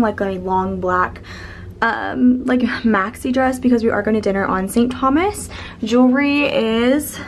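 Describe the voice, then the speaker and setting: A woman's voice: mid-range voice, slight background noise. A woman in her twenties chatting casually to a handheld camera while vlogging her trip, with lots of fillers. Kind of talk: casual travel vlog. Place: cruise ship cabin and outdoors. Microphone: handheld camera at arm's length.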